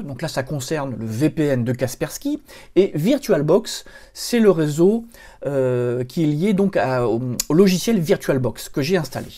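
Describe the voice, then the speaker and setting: A man's voice: a little high, mellow. Chatty French man walking through a PC tutorial. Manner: chatty, explains step by step with many fillers and "hop". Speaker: computer help tutorial host. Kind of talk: screen-recorded software tutorial.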